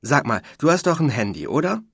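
Storybook figure: gushing teenage boy, high and loud, read by a man. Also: very animated, vocal fry, husky, dry recording, studio quality, exaggerated voice. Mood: excited. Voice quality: breathless, gushing, rushes words. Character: excited chattering teenage boy.

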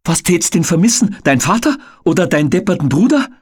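Male narrator doing a bruised, defiant young woman, raised husky voice, storybook. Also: high-pitched, big pitch swings, brisk, dry recording, pitched above the performer's own voice, heavily acted. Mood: desperate. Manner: urgent, bitter pleading.

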